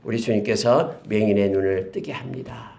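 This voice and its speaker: A male pastor preaching a sermon, moving between loud, stirring exclamations and hushed, whispered asides. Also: on the low side, steady tone, moderate pace, gravelly. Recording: roomy echo.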